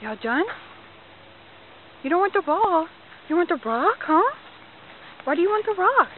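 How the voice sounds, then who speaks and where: A high, lively woman's voice swoops up and down as she coaxes and calls her dog in a sing-song way during a game of fetch in the yard. The sound is thin and phone-like, as from a built-in camera mic, with a faint hiss underneath. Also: measured pace. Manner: sing-song coaxing, calling the dog's name. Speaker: dog owner filming her pet. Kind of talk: casual home video talk to a dog. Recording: tinny lo-fi home video sound.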